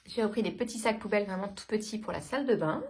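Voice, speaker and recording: A woman's voice: medium pitch, quick pace, a little mellow. A woman in her thirties chatting casually through a shopping haul, hesitant with many fillers. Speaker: vlogger. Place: home.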